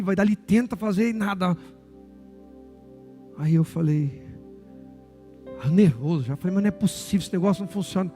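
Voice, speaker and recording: A man's voice: sits high, dark tone. A man with a Brazilian Portuguese accent, a pastor preaching a sermon in church, often asking the congregation questions, repeating their answers and adding joking asides.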